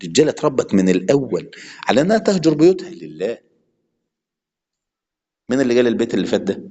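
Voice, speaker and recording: A man's voice: mid-range voice, big pitch swings, fast talker, dark tone, lo-fi sound. A man with an Egyptian accent preaching an impassioned sermon, mixing classical and colloquial Arabic. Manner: impassioned, switching between classical and colloquial speech. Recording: long hall reverb.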